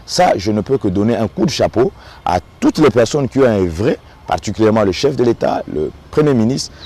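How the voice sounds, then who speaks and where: This man's voice is on the low side and warm, swinging widely in pitch as he talks a little fast. A local notable from the Democratic Republic of the Congo with a Congolese French accent, he gives earnest political commentary in an on-site interview, frequently repeating little words as he hunts for what comes next.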